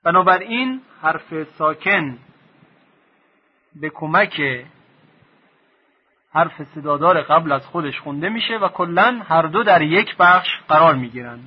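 High-voiced man teaching syllable by syllable. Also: animated, husky, lo-fi sound. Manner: slow, drawn-out syllables for repetition. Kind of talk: Quran recitation lesson.

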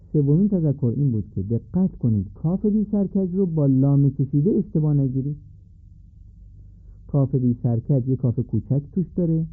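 A man teaching a recorded lesson, speaking in a measured way and putting questions to his listeners. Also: medium pitch, breathy edge. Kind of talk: recorded lesson on letter pronunciation. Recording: phone-like narrow band recording.

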